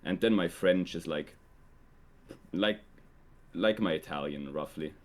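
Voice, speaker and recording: Young guy, really low voice, laid back, lots of likes and ums. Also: a little slow. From Switzerland. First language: Swiss German. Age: young adult. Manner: relaxed, hesitant, heavy use of "like" and "um". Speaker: guest. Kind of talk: casual conversation.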